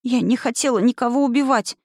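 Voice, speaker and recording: A woman's voice: a little high, brisk, no echo, clean studio sound, voice pushed up, close to an everyday voice. A woman reading an audiobook, voicing a frightened little girl who pleads and stammers. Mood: frightened, pleading.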